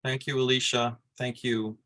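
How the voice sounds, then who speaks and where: A man hosting an online reading event over a video call, gently calling on speakers one by one. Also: mid-range voice, level tone, moderate pace. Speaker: event host.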